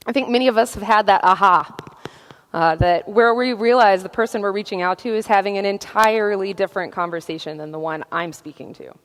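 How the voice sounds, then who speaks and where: A woman giving a prepared talk at a conference, speaking in a measured way with frequent "uh" fillers. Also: medium pitch. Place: conference hall. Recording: long hall reverb.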